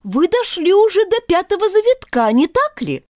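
A woman's voice: sing-song, normal speed, darkish tone, no echo, clean studio sound. A woman voicing Alice, a polite, eager little girl, in a storybook reading. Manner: high, earnest and eager to please.

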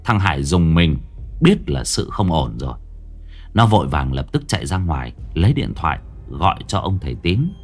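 Man, horror story narrator, low voice, lively intonation, faint music. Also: moderate pace, slightly rough. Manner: dramatic, expressive storytelling.

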